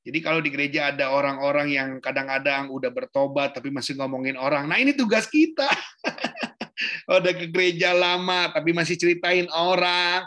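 A man's voice: fairly high pitch, brisk, hardly any pauses, sharp tone. A male pastor preaching a sermon, often calling on his listeners directly and acting out little quoted scenes. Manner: conversational preaching, addresses listeners as Saudara, acts out quotes.

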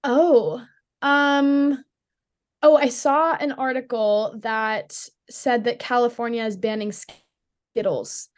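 A woman's voice: fairly high pitch, fairly even intonation, slow. Chatty young woman hockey player. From Pittsburgh, US. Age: young adult. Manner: bubbly, chatty, many "like" fillers. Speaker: college hockey player, guest. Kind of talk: casual interview chat.

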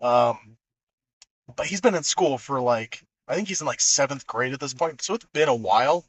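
A man's voice: medium pitch, animated, moderate pace, slightly rough, no room sound, highs cut off. A man hosting a podcast in casual chat, rambling with many fillers and acting out movie quotes. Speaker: podcast host.

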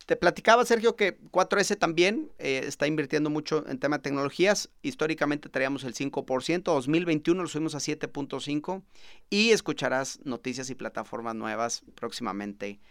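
A man's voice: medium pitch, a little fast, fairly bright tone, no echo, clean studio sound. A man with a Mexican accent hosting a casual business interview, talking with frequent fillers and restarts. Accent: Mexican Spanish. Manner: talkative, many fillers and restarts. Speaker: podcast host.

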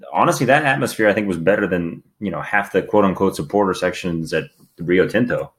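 A man's voice: low voice, brisk. A man co-hosting a casual podcast chat, trading dry, joking quips with his partner. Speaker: podcast co-host.

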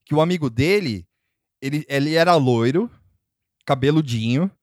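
A man's voice: a little high, animated, moderate pace, dry recording, studio quality. A man telling a story in a casual chat, rambling with many fillers and frequent laughs.

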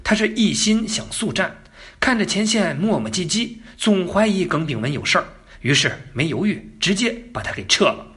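A man's voice: high-pitched, expressive, moderate pace, fairly bright tone. A man telling history as a casual story, colloquial and joking, with asides to the listener. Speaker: narrator.

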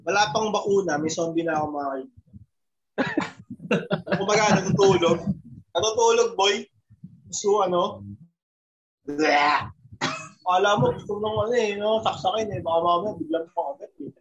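Joking high-voiced man, noisy lo-fi audio. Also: moderate pace, pauses often. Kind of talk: casual chat. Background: clear background noise.

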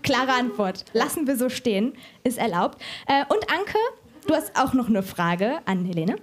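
A woman hosts a live book talk in a chatty, playful way, filling her pauses with little ums and ahs. Her voice sits high, and her easy, teasing tone keeps the conversation moving. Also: sing-song. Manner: chatty and playful, with frequent fillers. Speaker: podcast host. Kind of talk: live casual interview with an audience.

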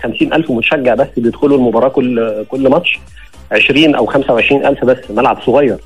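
A husky Egyptian man talks football as a radio guest at a racing pace. He argues conversationally, repeating phrases as he goes, with faint music underneath. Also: medium pitch, rapid-fire, low-quality recording. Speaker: sports journalist, studio guest.

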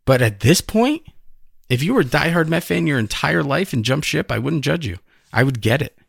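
A man's voice: on the high side, lively intonation, normal speed, gravelly, breathy edge, dry recording, studio quality. A man co-hosting a sports podcast, joking wryly in casual chat. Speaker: podcast co-host.

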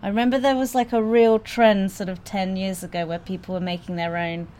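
A woman's voice: mid-range voice, level tone, a little fast, warm tone. A woman who owns a café and has written a cookbook, talking in a candid, chatty, self-deprecating way. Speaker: café owner and cookbook author. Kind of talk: casual conversation.

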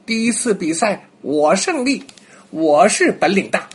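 A boastful young monkey from a children's storybook, with a shrill, breathy voice that leaps high, as an old grandpa puts him on. He swoops up and down in pitch and shouts for attention. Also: big pitch swings, a little slow, heavily acted. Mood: stubborn.

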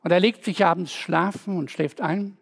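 A man's voice: high-pitched, fairly even intonation, normal speed, creaky, husky. A man preaching a sermon as a pastor, telling stories and repeating phrases rhythmically. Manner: storytelling preacher, rhythmic repetitions.

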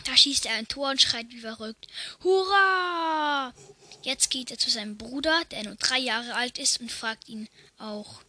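Host: high, bright woman telling jokes slowly, giggly, casual slang, dry sound. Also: steady tone. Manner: giggly, laughs at her own jokes. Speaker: channel host.

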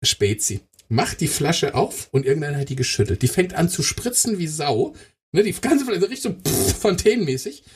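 Animated, slightly husky middle-aged man chatting. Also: on the high side, moderate pace. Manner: animated storyteller, blunt and colloquial, acts out quotes. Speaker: co-host of a football talk show. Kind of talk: casual chat with anecdotes.

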